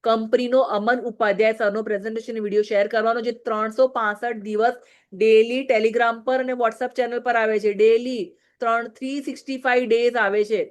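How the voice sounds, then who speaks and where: A woman's voice: a little high, steady tone, normal speed. A married woman giving a direct, scolding training talk to her business team, often checking "okay?". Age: adult, married.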